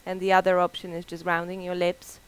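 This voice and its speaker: A woman leading a yoga class, gently guiding the breath in a slow and soothing way, with soft pauses. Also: lowish voice, monotone, slight background noise, low-quality recording. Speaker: yoga instructor. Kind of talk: guided breathing and meditation class.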